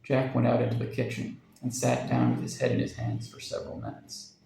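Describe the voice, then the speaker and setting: A man narrating a dark short story with measured, suspenseful pacing. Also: medium pitch, completely flat delivery, gravelly, echoey room, a little hiss or hum, poor audio. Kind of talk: dramatic story reading.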